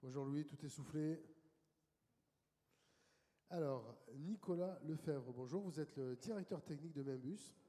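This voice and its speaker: A man's voice: on the high side, mellow. Man moderating in a reverberant hall. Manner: brisk and welcoming, directing guests. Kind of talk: conference moderating. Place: conference hall.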